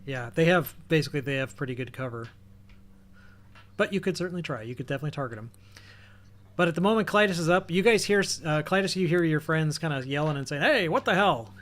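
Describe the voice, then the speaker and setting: A man's voice: fairly high pitch, animated, quick pace. A man acting as game master, describing scenes and rulings while thinking aloud. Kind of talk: running a tabletop game online.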